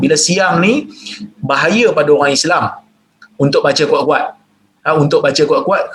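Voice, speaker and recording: A man with a Malaysian Malay accent reading out listeners' questions and answering them in a religious Q&A lecture, explaining plainly and jumping up in pitch to stress points. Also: fairly bright tone. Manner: reads questions aloud then explains plainly.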